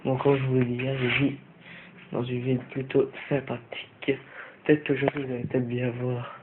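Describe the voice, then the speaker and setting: A young Belgian man rambles through a casual vlog in a Belgian French accent, stopping often for fillers and restarts. The sound is thin and boxy, like a phone line, and a steady hiss runs under it. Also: mid-range voice, moderate pace. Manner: rambling, hesitant, many fillers. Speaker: vlogger. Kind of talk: casual room-tour vlog. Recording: tinny lo-fi phone-like audio with hiss.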